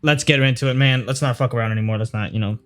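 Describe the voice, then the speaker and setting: A man's voice: mid-range voice, steady tone, racing, fairly bright tone. A man hosting a reaction channel, musing aloud in a loose, rambling way with fillers and the odd swear word. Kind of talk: casual reaction commentary.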